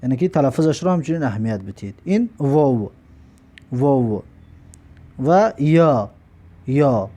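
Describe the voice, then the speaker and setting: A man with a Tajik accent leads an alphabet lesson in a high, mellow voice. He explains each point patiently and stretches letter names out slowly when he models how they sound. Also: sing-song. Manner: patient, repeats letters and drawls them out slowly. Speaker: Arabic reading teacher.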